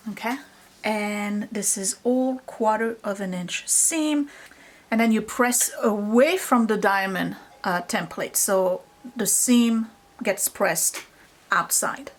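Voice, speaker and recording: A woman with a mid-range voice hosts a casual, hands-on quilting tutorial, taking it slowly. She explains each step and checks that viewers understand, with sewing machine noise behind her.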